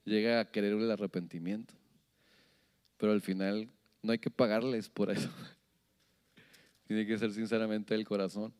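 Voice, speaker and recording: A man preaching a sermon as pastor, animated, asking the congregation questions and acting out little scenes. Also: lowish voice, clear, resonant tone. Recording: long hall reverb.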